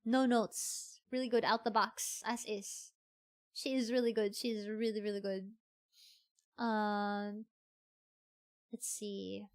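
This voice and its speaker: A woman's voice: medium pitch, little pitch movement, slow, long pauses, a little mellow. A woman with a Filipino accent chatting casually on a livestream, often repeating phrases for emphasis. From Philippines. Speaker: VTuber streamer.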